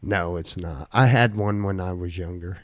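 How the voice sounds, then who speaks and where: A man's voice: low voice, moderate pace, no echo, clean studio sound. Laid-back man with a slight Southern twang. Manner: laid-back, swears casually. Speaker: podcast co-host. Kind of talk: casual podcast chat, reading quiz questions aloud.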